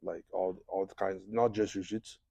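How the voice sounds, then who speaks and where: A man from Brazil speaks English, his voice low-pitched and warm. He feels his way through each answer, doubling back on words and filling pauses. The studio sound is dry and close. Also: fairly even intonation, creaky, no room sound. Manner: halting, many restarts and fillers, non-native English. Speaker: jiu-jitsu head instructor, guest. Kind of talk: interview answers. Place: podcast studio.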